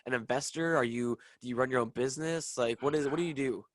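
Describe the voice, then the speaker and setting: A young man hosting a podcast, upbeat but halting, with many fillers and restarts. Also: medium pitch, no room sound. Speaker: podcast host. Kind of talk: casual interview chat.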